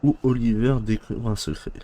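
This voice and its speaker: A man's voice: mid-range voice, fairly even intonation, moderate pace, mellow. A man giving casual, playful let's play commentary, often muttering and repeating himself. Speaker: gaming streamer.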